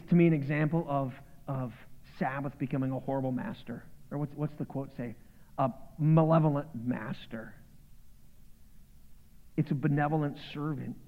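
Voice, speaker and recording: A male pastor preaches in a relaxed, joking way and breaks into animated bursts now and then. His voice sits fairly high for a man. The sound is thin and phone-like, with a long reverb from a big church hall. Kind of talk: sermon.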